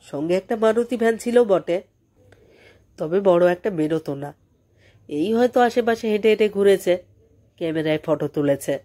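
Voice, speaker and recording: A woman's voice: mid-range voice, lively intonation, normal speed, pauses often, mellow, natural voice. A woman voicing a polite middle-aged male cottage owner in an audiobook, speaking in a courteous, chatty way. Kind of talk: audiobook character voice.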